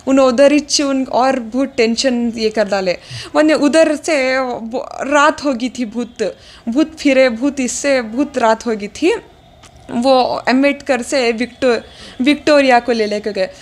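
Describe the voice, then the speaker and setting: Young woman, higher voice, halting speech, fillers, english words mixed in. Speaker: interviewee, daughter of the deceased. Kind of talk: recounting events in an interview.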